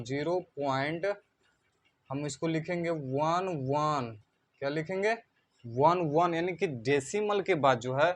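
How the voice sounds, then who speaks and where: A man teaching a math lesson in Hindi, reading out decimals digit by digit and slowing down as he writes them. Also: on the high side. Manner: spells numbers out digit by digit, slows when writing. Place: coaching centre classroom.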